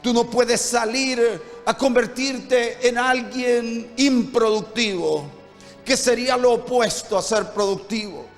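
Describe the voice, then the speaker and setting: A Honduran man preaches with a very high, slow voice. He builds fervent runs of repeated phrases and rhetorical questions. His voice carries a long church-hall reverb over faint music. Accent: Honduran Spanish. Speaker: pastor. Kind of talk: sermon.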